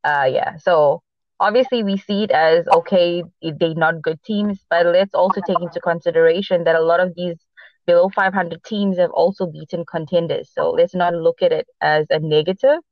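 On a relaxed sports podcast, a woman co-host chats with frequent fillers and restarts. Portuguese is her native tongue, and her upbringing across Boston, Los Angeles, and South Africa gives her a mix of Portuguese, South African, and American accents. Her voice is on the low side with a steady tone, in a dry, slightly dull, lo-fi recording.

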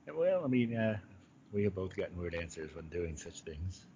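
A man hosting a podcast, speaking in a polite, somewhat formal and measured way. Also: deep voice, sing-song, warm tone. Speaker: podcast host. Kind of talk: conversational interview hosting. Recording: dull lo-fi audio, clear background noise.

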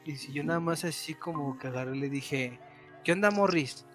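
A man with a Mexican accent telling a spooky story in casual, slangy chat, acting out shouts as he goes. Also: mid-range voice, brisk, faint music behind. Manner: animated, slangy, mimics shouts while telling a tale.

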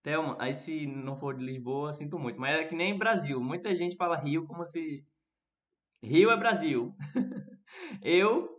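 A Recife native with a northeastern Brazilian accent hosts a casual live lesson online, talking to his students, naming viewers, asking questions, and replying to chat messages. His fairly high voice is a bit bright, with lively intonation and a slightly slow pace.

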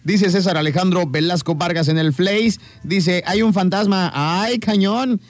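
High-voiced Mexican man reading comments. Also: measured pace, no room sound. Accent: Mexican Spanish. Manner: joking, slangy, reads names aloud. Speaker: co-host reading viewer comments. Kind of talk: casual livestream chat.

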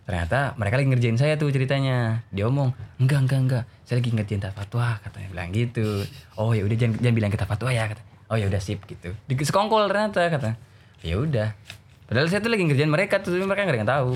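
Young male teacher, rapid casual storyteller who jumps into character voices. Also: a little hiss or hum. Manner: animated, acts out voices of students in a raised pitch. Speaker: religious school teacher.

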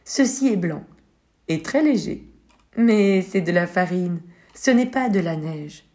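Woman reading gentle patient stranger, mellow, storybook. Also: on the low side, animated, slow. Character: kindly grown man, a patient stranger.

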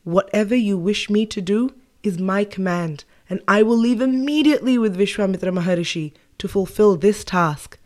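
A woman's voice: mid-range voice, normal speed, hardly any pauses, a little mellow, close to an everyday voice. Woman playing an earnest young prince, respectful and dutiful, storybook telling.

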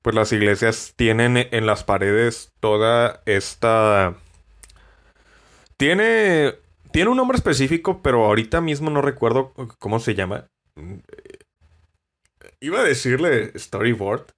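Halting Mexican man musing on a podcast. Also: mid-range voice, expressive, a bit bright. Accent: Mexican Spanish. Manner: halting, many restarts and repeated words. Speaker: podcast host. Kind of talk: reflective solo podcast monologue.

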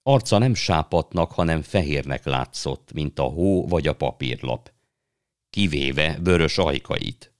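A man reading a children's fantasy novel aloud in calm, measured storytelling. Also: rumbling low, no echo, clean studio sound. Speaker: narrator. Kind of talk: audiobook reading.

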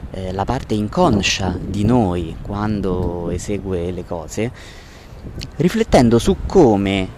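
Man on a messy low-quality street recording. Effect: low-quality audio recorded on a phone in the street. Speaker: listener sending a voice message. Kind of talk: voice message in a discussion. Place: outdoors on a city street. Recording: noisy street recording with passing traffic.

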